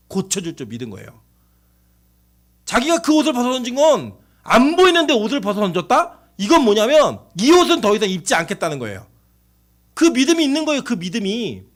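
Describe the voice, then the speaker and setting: Male pastor, night service sermon; high voice, very animated delivery. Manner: animated preaching, acting out shouted quotes.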